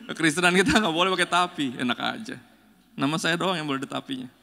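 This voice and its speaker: A man preaching a sermon with a bright, forceful edge to his voice that sits a little high for a man. He keeps it loose and playful, slipping into slang and acting out little quotes as he goes. He sounds like a pastor telling stories to drive his point home. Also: fast, creaky. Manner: joking, slangy storytelling with acted-out quotes.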